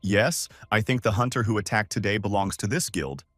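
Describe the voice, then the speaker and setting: A man's voice: on the low side, brisk, a bit bright, no room sound. A man voicing an anxious earnest agent. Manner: earnest, explaining. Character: worried middle-aged male agent, earnest.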